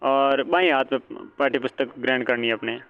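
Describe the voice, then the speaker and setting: A man's voice: mid-range voice, normal speed. A male teacher giving an exam-prep lecture, asking and answering his own questions and repeating each point. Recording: dull lo-fi audio.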